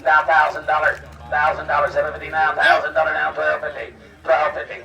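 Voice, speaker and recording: A man working as an auctioneer, calling bids in a rapid, repetitive sing-song auctioneer's chant at an outdoor sale. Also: on the high side, completely flat delivery, vocal fry, sharp tone, recorded from a distance, rough recording. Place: outdoor farm equipment auction.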